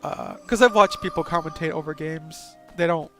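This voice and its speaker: A man's voice: on the high side, normal speed, gravelly, sharp tone, faint music behind. A man hosting a let's play with casual, joking commentary and a stuffy nose, reading game dialogue aloud.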